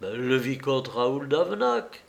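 A man voicing an excitable, chummy police sergeant on the phone in an audiobook reading. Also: medium pitch, slow pace, creaky, exaggerated voice. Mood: insistent.

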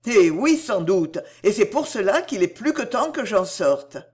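A reader voicing a desperate, ruined man in an audiobook, speaking in a loud, impassioned way. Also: mid-range voice, big pitch swings, measured pace. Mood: agitated. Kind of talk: audiobook reading.

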